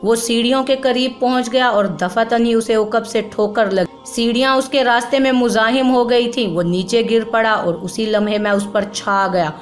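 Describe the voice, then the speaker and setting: A woman narrating a novel in a steady, measured storytelling voice. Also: fairly high pitch, faint music behind.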